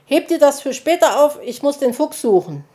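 A woman's voice: a little high, very animated, dark tone, voice pushed up. A woman voicing a grumpy male owl in a storybook who speaks irritably and in a hurry. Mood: irritated. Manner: irritated, hurried. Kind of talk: storybook reading.

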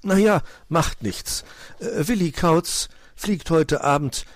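A man's voice: a little high, slow, no echo, pitched above the performer's own voice. A man voicing a cheerful, curious male gnome in a children's story.

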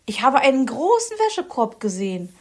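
A woman's voice: sits high, normal speed, pitched above the performer's own voice, exaggerated voice. A woman voicing an eager, cheerful young boy animal in a children's story. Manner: eager, lively, giggly.

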